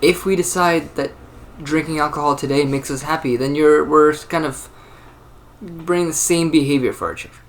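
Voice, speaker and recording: A man's voice: fairly high pitch, fairly even intonation, moderate pace. A man in his early twenties talking alone in a rambling, thoughtful way, with many fillers and restarts. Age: 20s. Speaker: channel host. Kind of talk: casual solo monologue.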